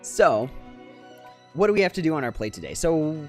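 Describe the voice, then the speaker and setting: A man with a slightly high voice talks into a livestream headset mic, picking apart game numbers out loud in a critical, analytical way. Faint music plays underneath. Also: very animated, moderate pace. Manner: analytical, critical, thinking aloud. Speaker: mobile game streamer. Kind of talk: casual livestream commentary.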